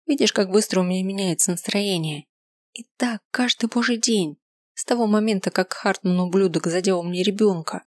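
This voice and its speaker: A woman's voice: mid-range voice, moderate pace, dry recording, studio quality, natural voice. A woman voicing a distraught young woman who speaks in a strained, tearful, raised voice. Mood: bitter.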